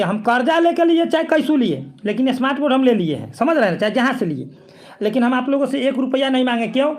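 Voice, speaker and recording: A man's voice: extremely high pitch, darkish tone. A male physics teacher, coaching students for exams. He repeats himself and keeps asking whether they follow. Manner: repetitive, coaxing, keeps checking students follow. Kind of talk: exam-prep lesson.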